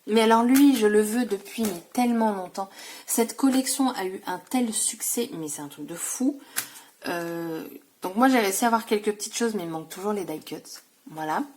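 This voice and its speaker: A woman talks casually through a scrapbooking haul at a middle pitch. She rambles, fills pauses and corrects herself as she goes, with a faint noise floor under the recording. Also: a little mellow. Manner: chatty, many fillers and self-corrections. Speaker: scrapbooking vlogger.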